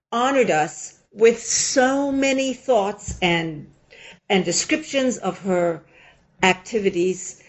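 A woman's voice: fairly low pitch, lo-fi sound. Courteous, formal female podcast host. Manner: courteous, formal, a little halting. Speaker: interview host. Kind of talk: podcast interview.

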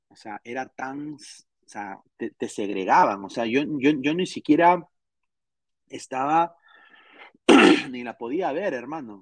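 A man's voice: medium pitch, takes it slowly, long pauses, no room sound. A man in his thirties with a Peruvian accent, chatting casually on a podcast stream, rambling with many restarts and slang. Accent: Peruvian Spanish. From Peru. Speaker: podcast host. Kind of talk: casual live-stream chat.

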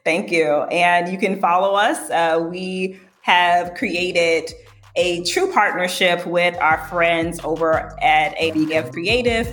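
Woman, podcast host, casual chat, lively, laughs often, lots of fillers. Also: lowish voice, takes it slowly, faint music behind.

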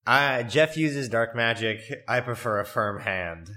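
A man's voice: mid-range voice, animated, sharp tone. A man co-hosting a tabletop podcast with joking, profane banter, his voice echoing as if in a cave from a bare, newly moved-into room. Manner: joking, profane, quick to laugh. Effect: hollow cave-like echo from a bare new room. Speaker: podcast co-host running a character-building game. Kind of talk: casual banter while rolling dice. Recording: echoey bare room, no setup.

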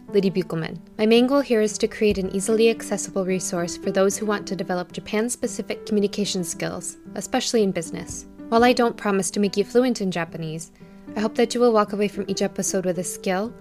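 A woman hosts a podcast in a scripted, measured delivery. She slows down to spell out Japanese phrases syllable by syllable, like a patient teacher. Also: medium pitch, darkish tone. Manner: careful, slow syllable-by-syllable pronunciation of Japanese words. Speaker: podcast host. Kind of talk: scripted podcast intro and language tip.

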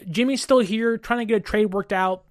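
Casting: sports commentator, mid-pitched voice, casual and conversational solo talk with rhetorical check-ins, dry close mic. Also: brisk, no echo. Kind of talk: casual football commentary monologue.

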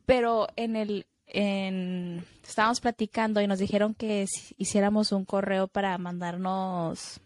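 A woman's voice: medium pitch, fairly even intonation, unhurried, few pauses, dry recording. A young woman, co-hosting a casual podcast chat and slipping into English phrases. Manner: chatty, mixes in English phrases. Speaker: podcast co-host.

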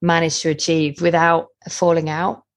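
A woman's voice: sits low, flat delivery, moderate pace. A woman co-hosting a podcast, chatting casually with giggly, self-mocking banter. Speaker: podcast co-host. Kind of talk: casual chat.

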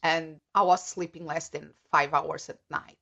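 Middle-aged Portuguese-accented woman, a native Portuguese speaker, as an interview guest; thoughtful, a bit low in pitch, dull lo-fi recording. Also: steady tone, creaky, fairly bright tone. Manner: thoughtful, measured, searching for words. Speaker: guest, coach. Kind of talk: casual interview.

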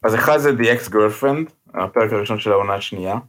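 A man co-hosting a podcast in casual chat, giving blunt opinions and steering the talk with questions. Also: fairly low pitch. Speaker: podcast co-host.

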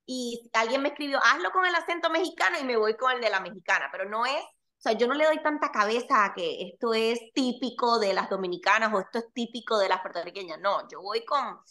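A woman in her forties chatting as an interview guest, her voice bright and a little high. She talks fast and lively and slips into quoted voices as she tells her stories. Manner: animated, rapid, acts out quoted voices. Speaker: guest, content creator. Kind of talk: casual interview chat.

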